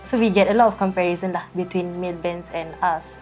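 Young woman from a girl band, chatty and casual, music clearly playing behind. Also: fairly low pitch, steady tone, quick pace, a little mellow. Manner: casual, laughing, colloquial. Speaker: band member. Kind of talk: group interview.

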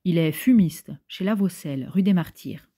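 A woman's voice: on the low side, normal speed, dark tone, lightly acted. A woman reading as a curt young housemaid. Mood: offhand. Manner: curt, colloquial. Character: blunt young housemaid, twenty, coarse.

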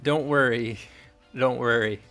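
A man's voice: medium pitch, steady tone, a little slow, soft background music. A young man hosting a podcast, chatting casually and hesitantly as he comments on a game. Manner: soft-spoken, hesitant, trailing off. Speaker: podcast host.

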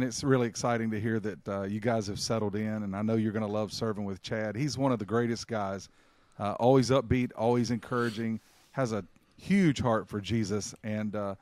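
A man's voice: lowish voice, steady tone, a little fast, darkish tone, no room sound. A man co-hosting a podcast in casual chat, upbeat and encouraging. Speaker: podcast co-host.

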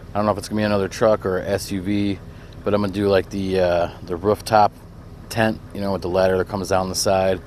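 Laid-back young man, low voice. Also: a little hiss or hum. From Wisconsin. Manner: laid-back, rambling, lots of fillers. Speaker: vlogger showing his truck. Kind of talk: casual walkaround vlog. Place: outdoors beside a pickup truck.

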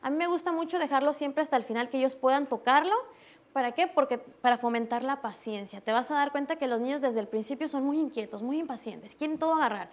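Woman, Mexican accent, high voice; instructor demoing on a TV morning show, patient and gentle. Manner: explains slowly, softens words for babies. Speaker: early stimulation instructor.

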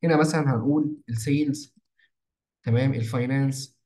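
A man's voice: mid-range voice, fairly even intonation, mellow. A young man with an Egyptian Arabic accent, talking a viewer through a daily planning routine as a marketing mentor, often repeating himself and restarting words. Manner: rapid, repetitive, with many false starts and stretched fillers. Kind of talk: casual screen-share tutorial.

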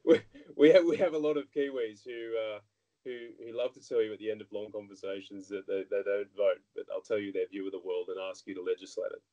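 Australian male guest in his thirties, lowish register, frank anecdotal talker. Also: steady tone, fast talker, mellow, dull audio. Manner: frank, anecdotal, frequent restarts. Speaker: guest politician. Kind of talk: casual interview chat.

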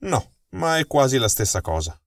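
A man voicing a calm, amused detective in an audiobook mystery, unruffled and dryly chuckling. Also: mid-range voice, moderate pace, no room sound, voice pushed up, natural voice. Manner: unflappable, dry chuckle. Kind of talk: audiobook dialogue.

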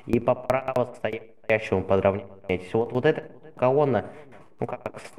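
A man giving gruff military drill commands like a drill sergeant over game voice chat. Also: medium pitch, moderate pace, darkish tone. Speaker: drill sergeant in an online military role-play.

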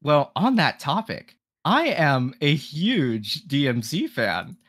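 A co-host reading viewer requests aloud and chatting in an upbeat, quick way. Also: medium pitch, big pitch swings, fairly bright tone, dry recording, studio quality. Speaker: stream co-host reading chat. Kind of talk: casual stream chat.

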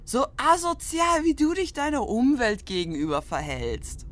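A woman's voice: high voice, sing-song, unhurried. A woman voicing a brash, tipsy pony princess in a fan audio drama, slurring, drawling and argumentative. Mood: tipsy, defiant.

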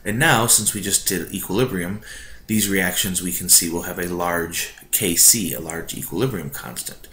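A high school chemistry teacher with a deep, bright, forceful voice narrates a recorded review lesson at a moderate pace, explaining things informally. He's in an echoey room at home that sounds like a cave, using a built-in or distant mic rather than his usual one, and there's a faint hiss.

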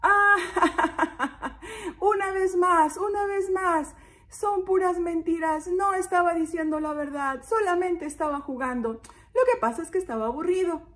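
A woman voicing a mischievous young shepherd boy who cries wolf, in a storybook reading. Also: normal speed. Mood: mocking. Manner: shouting, high-pitched, playful.

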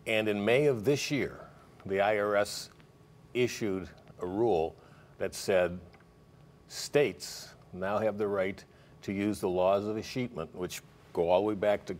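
A man's voice: fairly low pitch, steady tone, unhurried. A middle-aged man, a financial planner, explaining things steadily as a guest on a morning news show in a TV studio.

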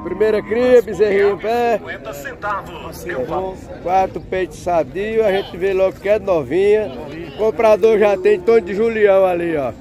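A high-pitched man speaks at a moderate pace in a Northeastern Brazilian Portuguese accent, vlogging casually as he walks through an outdoor cattle fair with crowded pens and asks sellers their prices. It's on-the-spot commentary, and crowd chatter and livestock sounds fill the background.

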